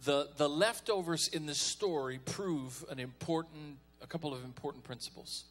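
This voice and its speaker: A man's voice: fairly high pitch, moderate pace, fairly bright tone. A man preaching a folksy, conversational sermon as pastor, calling on the congregation to respond.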